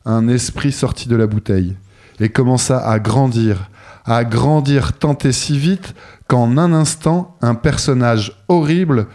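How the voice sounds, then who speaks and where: A man reads a fairy tale aloud at an even, steady pace. His voice is dark and mellow, with a pitch that sits at an ordinary middle level. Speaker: narrator. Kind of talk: storybook narration.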